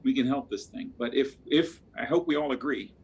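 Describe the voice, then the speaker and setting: A man's voice: mid-range voice, a little fast, darkish tone, husky. A man playing a tabletop game who speaks hesitantly, with many fillers and restarts. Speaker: player. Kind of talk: tabletop game play, casual chat.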